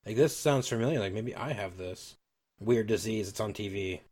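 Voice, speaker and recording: Deep-voiced man, rambling casual chat. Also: normal speed, darkish tone. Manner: rambling, many fillers, swears casually. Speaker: podcast co-host.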